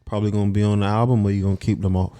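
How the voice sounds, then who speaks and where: A man hosting a casual radio interview, relaxed and full of slangy banter. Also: on the low side, rapid-fire, smooth. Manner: laid-back slangy banter, lots of "word" and "bro". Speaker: radio show host.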